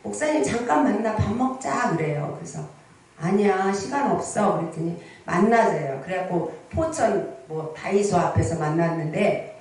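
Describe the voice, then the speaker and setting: In a darkish, medium-pitched voice, animated and at normal speed, a sixty-something woman gives a storytelling sermon as pastor, asking the congregation frequent rhetorical questions. The large prayer hall echoes, and the mic picks her up from a distance.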